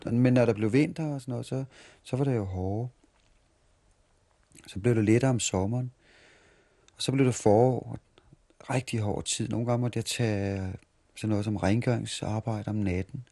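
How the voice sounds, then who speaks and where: Interviewed about his time as a street performer, a man from Denmark in his forties reminisces in a halting way, often going back and repeating words. His voice is medium-pitched and warm.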